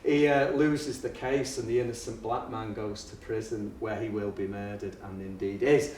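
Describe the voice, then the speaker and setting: This middle-aged teacher and education speaker has a voice on the low side and talks at a normal speed, sharing anecdotes with a live audience. His lively, self-mocking teaching stories come with acted-out voices. The recording has a little hiss or hum, an echoey room, and a distant mic.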